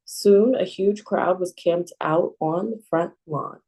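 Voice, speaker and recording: A woman librarian reading a children's picture book aloud in a calm, expressive way. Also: lowish voice, slow.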